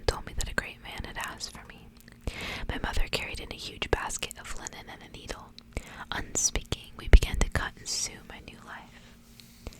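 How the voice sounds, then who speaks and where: In a hushed, breathy whisper, a woman reads a literary story aloud, narrating gently in the manner of an ASMR reading. The recording quality is rough.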